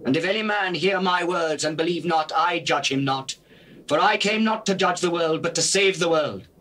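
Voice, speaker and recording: A man playing Jesus as a solemn, authoritative teacher, speaking in measured, declamatory phrases in a dramatized King James Bible reading. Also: fairly high pitch, sharp tone. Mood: proclaiming. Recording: noisy old cassette recording.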